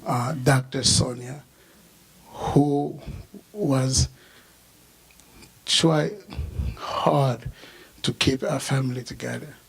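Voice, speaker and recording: A young man from the Congo, not a native English speaker, giving a halting personal remembrance at a memorial service with many fillers. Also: medium pitch, fairly even intonation, gravelly, husky, poor audio. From Democratic Republic of the Congo.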